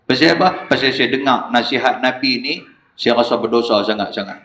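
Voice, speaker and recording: A man with a northern Malaysian Malay accent giving an evening lecture in a small prayer hall, telling stories animatedly and swinging between low asides and raised exclamations. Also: brisk, a bit bright. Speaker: religious lecturer. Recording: echoey prayer hall recording.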